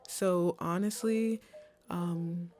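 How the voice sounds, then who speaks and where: A woman's voice: lowish voice, fairly even intonation, drawn-out words, dark tone. A young woman casually giving college essay advice, chatty and full of "like"s and restarts. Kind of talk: casual advice talk to camera.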